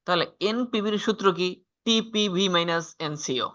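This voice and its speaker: A man's voice: high voice, normal speed, a bit bright. A man tutoring a student through a finance problem, step by step, quizzing him with questions. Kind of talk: step-by-step accounting lesson. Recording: dull lo-fi recording.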